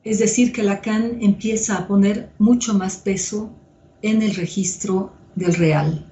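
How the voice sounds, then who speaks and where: A woman psychoanalyst giving a measured, step-by-step lecture with occasional fillers. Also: mid-range voice, steady tone, mellow. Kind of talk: slow didactic lecture. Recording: echoey room.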